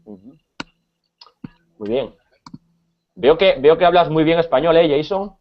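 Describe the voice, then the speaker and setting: A man from Spain with a Spanish accent, teaching a conversational Spanish lesson, pausing often with repeated words and fillers. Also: fairly high pitch, animated, lo-fi sound.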